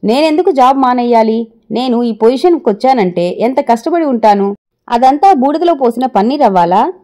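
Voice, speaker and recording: A stubborn young working wife argues back with indignant force, as a woman narrator reads her part. The voice is mellow and fairly high. It comes across as a spoken audio story. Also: expressive, moderate pace, close to an everyday voice.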